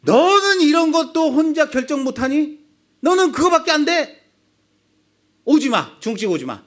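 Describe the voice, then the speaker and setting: A man's voice: extremely high pitch, big pitch swings, normal speed, voice pushed up. A man playing an exasperated father who scolds his indecisive son in a raised voice. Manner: shouting, scolding.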